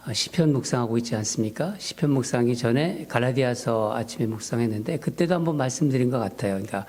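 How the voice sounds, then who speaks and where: Speaking fast at a medium pitch, a male pastor in a church sanctuary tells a story from his church life during a sermon. His storytelling is animated, climbing higher whenever he quotes his own prayers.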